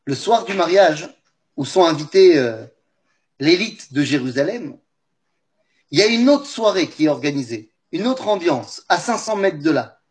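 High-voiced man telling a lively story. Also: normal speed. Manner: animated, talks straight to the listeners. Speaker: teacher of a Torah class.

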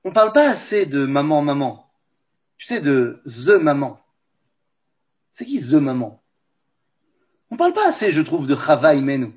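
A man teaching a religious class, telling a story in an animated way and speaking straight to his listeners. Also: fairly high pitch, normal speed, long pauses. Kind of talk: lively storytelling lesson.

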